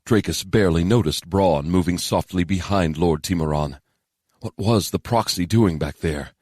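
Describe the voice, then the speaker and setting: A man narrating a fantasy novel in a steady, measured storytelling voice on a close studio mic. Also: low-pitched, no room sound. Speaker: audiobook narrator.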